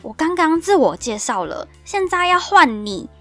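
A woman's voice: high voice, big pitch swings, normal speed, a bit bright, faint music behind, voice pushed up. A woman voicing a nosy, chatty old woman she met in a supermarket, talking insistently. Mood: pushy. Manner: insistent, pushy.

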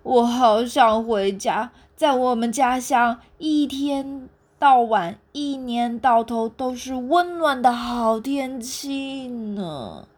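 A wistful young male monkey from a storybook, voiced by a woman, dreaming of his warm home. His lines come slow and lifted, stretched out in a soft, breathy voice. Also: on the low side, wildly swooping pitch, full character voice.

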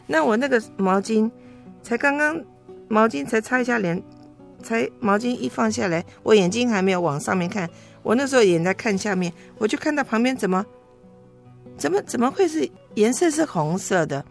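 A middle-aged woman earnestly telling her faith testimony as an interview guest, emotional and halting with frequent restarts. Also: a little high, lively intonation, gravelly, soft background music.

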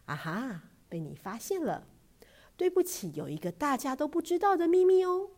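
A woman voicing a gentle, patient mother who coaxes softly and sometimes hushes to a whisper. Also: sits high, very animated, moderate pace, pitched above the performer's own voice. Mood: hushed. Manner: soft, coaxing, hushed at times.

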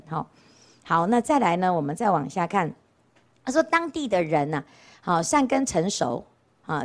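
A woman, a Buddhist nun giving a casual storytelling dharma talk and often asking her listeners "right?". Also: lowish voice. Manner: chatty, keeps asking rhetorical "right?" questions. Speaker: Buddhist nun lecturing on scripture. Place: temple lecture hall.

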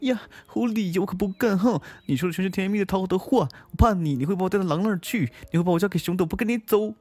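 A woman voicing a timid young snow maiden girl who sobs, stammers and pleads in a high, quick voice. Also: mellow, slightly rough, soft background music, close to an everyday voice. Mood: refusing. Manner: wailing, stammering, fast high sobbing speech.

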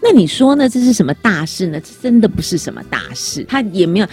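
A woman with a Taiwanese Mandarin accent, co-hosting a chat podcast and telling a personal story in an animated way, acting out the quoted dialogue. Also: mid-range voice, quick pace, soft background music. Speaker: podcast co-host. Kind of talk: casual chat.

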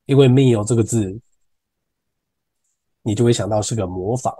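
A man's voice: on the low side, moderate pace, warm tone, slightly rough, dry recording. A man with a Taiwanese Mandarin accent hosting an English-teaching podcast, explaining English phrases in Mandarin and repeating words to drill their pronunciation. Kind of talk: casual teaching talk.

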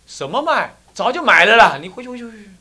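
A man's voice: very high voice, very animated, quick pace, pushed and bright, voice pushed up, exaggerated voice. A man playing a fierce old mountain-spirit grandpa. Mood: scolding. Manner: gruff, scolding, shooing people off.

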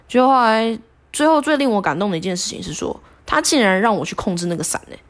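A woman telling a personal story on a podcast, animated and self-deprecating with many fillers. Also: mid-range voice, quick pace. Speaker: podcast host.

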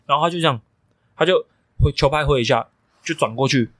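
A man's voice: on the high side, a little fast, fairly bright tone, no echo. A young man, a coach co-hosting a podcast, telling stories emphatically and swearing freely. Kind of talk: casual podcast chat.

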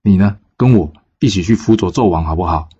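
A man's voice: sits low, a little fast, husky, muffled recording. A man voicing a scheming, boastful male immortal who coaxes and brags, in a told folk story. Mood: coaxing, boastful. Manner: wheedling, boastful, shouts.

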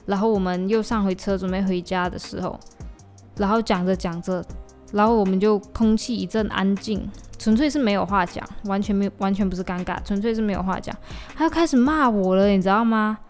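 A woman's voice: medium pitch, steady tone, a little fast, darkish tone, soft background music. A young woman, venting in casual podcast chat and slipping into English now and then. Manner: venting, weary, drifts into English exclamations. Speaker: podcast host.

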